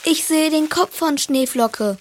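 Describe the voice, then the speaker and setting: A man's voice: very high voice, measured pace, voice pushed up. A man voicing an eager, helpful young boy in a children's audio story, with a raised childlike voice. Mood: urgent.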